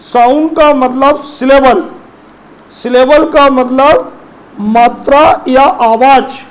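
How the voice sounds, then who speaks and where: High-voiced male teacher, slow and coaxing. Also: steady tone, low-quality recording. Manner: addresses students as children, asks them questions. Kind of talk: classroom lesson on English grammar.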